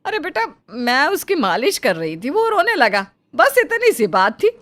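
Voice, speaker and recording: A woman voicing a stubborn, bossy older mother-in-law in a cartoon story, talking loudly and dismissively. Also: high-pitched, sing-song, unhurried, voice pushed up, heavily acted. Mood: complaining. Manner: loud, scolding, dismissive.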